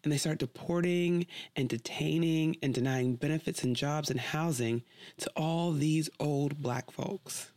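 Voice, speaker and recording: A woman's voice: low-pitched, measured pace, a little mellow. A woman podcast host from the United States, narrating her story in a wry, conversational way.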